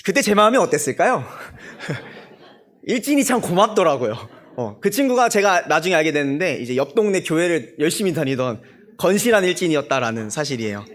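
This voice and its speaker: Young male junior pastor preaching; lively, fairly high voice, speaks directly to the congregation. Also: a little fast. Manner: storytelling with acted-out quoted voices; addresses the congregation directly with questions. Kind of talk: sermon. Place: church sanctuary.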